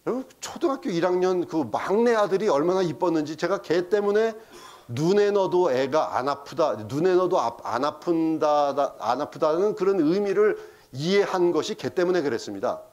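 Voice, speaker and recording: A man's voice: a little high, expressive, normal speed, darkish tone. A middle-aged man preaching a sermon in a church, telling a story and acting out the voices of the people in it, with English phrases mixed in. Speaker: pastor.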